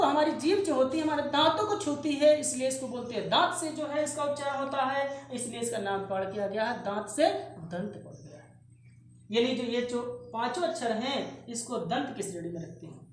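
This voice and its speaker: A woman teaching a grammar lesson, asking questions and answering them herself and repeating key terms. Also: sits high. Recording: very echoey room, faint noise.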